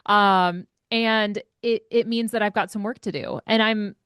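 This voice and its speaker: A woman's voice: medium pitch, fairly even intonation, unhurried, a bit bright, clear, resonant tone, no echo, clean studio sound. A woman educator and author talking casually in an interview, chatty and self-deprecating, often laughing at herself.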